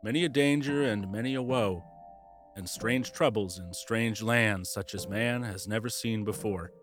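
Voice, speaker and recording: A man's voice: on the low side, measured pace, faint music behind, lightly acted. A man voicing a grave old centaur prophet. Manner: grave and sighing.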